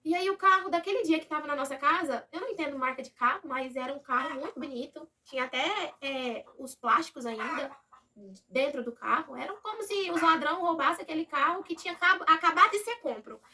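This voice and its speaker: A Brazilian woman telling a personal story to her viewers in a casual, animated way, acting out what others said. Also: sits high, a little fast, recorded from a distance.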